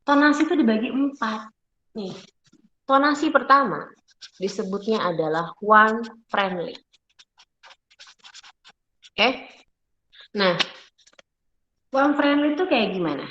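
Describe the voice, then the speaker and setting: A middle-aged woman lectures on public speaking. Her talk is lively and animated, full of rhetorical questions aimed at her audience. The recording is roomy and somewhat muffled, as if captured in a hall. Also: a little high, takes it slowly, long pauses.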